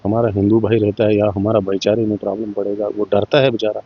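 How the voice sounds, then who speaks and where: A man's voice: fairly low pitch, flat delivery, quick pace, breathy edge. Earnest middle-aged man telling stories. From Jammu and Kashmir. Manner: earnest, retelling dialogue with small voice shifts. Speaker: interviewee. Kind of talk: personal storytelling in an interview. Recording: muffled, dull dry recording.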